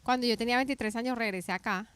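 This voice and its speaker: Lively woman telling her story. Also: a little high, rapid-fire, clear, resonant tone, no echo. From Colombia. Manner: animated storytelling with many restarts and self-corrections. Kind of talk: casual faith podcast chat.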